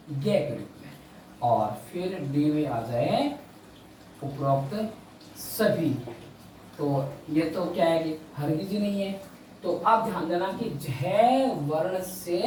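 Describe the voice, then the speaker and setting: A man teaching a Hindi lesson, speaking slowly, stressing key words and repeating his questions to the class. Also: a little high, darkish tone, slight background noise. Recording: echoey room, mic far away.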